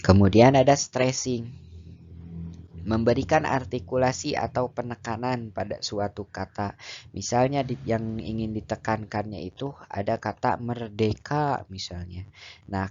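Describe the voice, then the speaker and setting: A man giving a calm, conversational lesson on public speaking, explaining step by step with casual fillers. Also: mid-range voice. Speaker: teacher. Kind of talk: educational lecture on public speaking. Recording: dull lo-fi recording.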